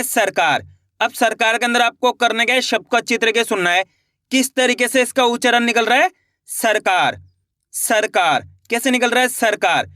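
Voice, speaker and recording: A man's voice: extremely high pitch, bright, forceful tone, clean tone, no room sound, clean studio sound. A young man teaching children to write Hindi words, sounding each word out syllable by syllable and asking the class to repeat it back. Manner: repetitive call-and-response drilling, sounding words out syllable by syllable. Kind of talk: children's spelling lesson.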